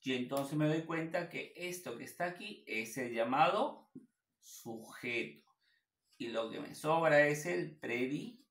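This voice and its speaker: A man teaching a class, his voice sitting a bit high for a man and his words coming slowly. He asks questions and answers them himself, and spells words out letter by letter. The room gives his voice a noticeable echo. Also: lively intonation, fairly bright tone. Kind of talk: classroom lecture at a whiteboard. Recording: echoey classroom.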